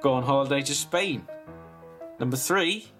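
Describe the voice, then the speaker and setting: A man, deadpan in a comedic casual chat as podcast co-host. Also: mid-range voice, normal speed, soft background music. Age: 20s. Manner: deadpan, reading a list with asides.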